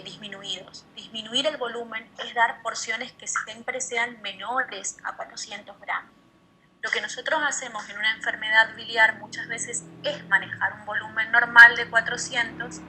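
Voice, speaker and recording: A woman's voice: a little high, sharp tone, slight background noise, rough recording. A woman teaching a nutrition class online, explaining in a methodical way and repeating key terms.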